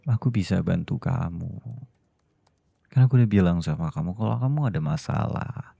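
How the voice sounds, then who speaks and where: A man voicing a stern boss who is also a doting husband, in a whispered role-play that goes from cold scolding to soft pleading. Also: low-pitched, expressive, a little fast, creaky, husky, dry recording, heavily acted. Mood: gentle pleading. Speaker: voice actor.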